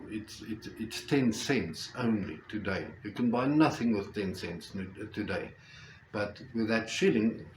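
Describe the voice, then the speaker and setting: An older man with a South African accent and Afrikaans as his first language, telling a personal story reflectively with halting, deliberate phrasing. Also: lowish voice. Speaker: storyteller, host. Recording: roomy echo with faint background noise.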